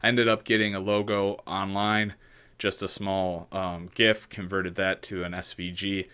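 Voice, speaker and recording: A man's voice: low-pitched, flat delivery, a little slow, pushed and bright, smooth. A man in his thirties giving a casual screen-share tutorial, thinking aloud with loose restarts and frequent "right?" checks. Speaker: maker demonstrating 3D modeling. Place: small room at home, indoors.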